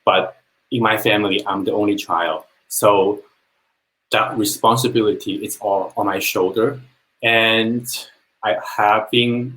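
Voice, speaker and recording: A man from China, whose first language is Chinese, speaks English as a second language while telling his personal business story on a live webinar. He's earnest and plain-spoken, with a fairly low pitch and a fairly bright tone. The recording quality is low.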